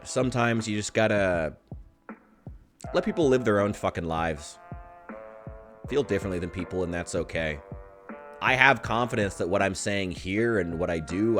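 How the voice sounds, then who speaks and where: A man's voice: sits low, normal speed, pauses often, a bit bright, soft background music. Rambling, candid man of thirty. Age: 30s. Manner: candid, rambling, profane, self-deprecating. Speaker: YouTuber. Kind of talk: casual vlog monologue.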